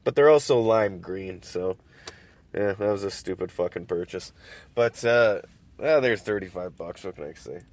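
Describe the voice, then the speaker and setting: A man's voice: low voice, moderate pace. A man hosting his own show, telling a story in a casual rambling monologue with lots of swearing and restarts, recorded while sitting in his car. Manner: rambling, profane, many restarts and fillers. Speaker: podcast host.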